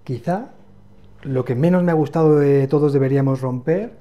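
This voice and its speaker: A man with a Spain Spanish accent co-hosting a book channel, summarizing novels in a measured, explanatory way. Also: on the high side, mellow. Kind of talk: book review chat.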